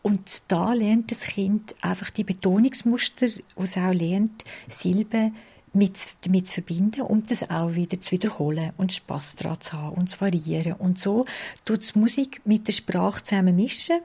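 A woman with a Swiss German accent speaks as a researcher in an interview, laying out her points patiently and step by step. Her voice is gravelly and husky, with a mellow, darker tone. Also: mid-range voice, normal speed. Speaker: early childhood music researcher. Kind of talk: explanatory interview answers.

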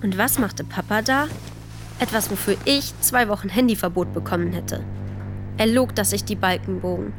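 A woman's voice: medium pitch, normal speed, close to an everyday voice. A woman voicing a pert young daughter who narrates a radio play, faint music behind. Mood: cheeky.

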